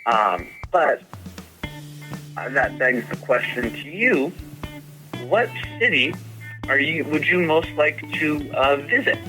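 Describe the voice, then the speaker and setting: A man's voice: a little high, animated, slow pace, long pauses, bright, forceful tone, faint music behind, poor audio. A young man co-hosting a casual podcast, speaking hesitantly with many fillers and restarts. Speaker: podcast co-host. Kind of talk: casual sports podcast chat.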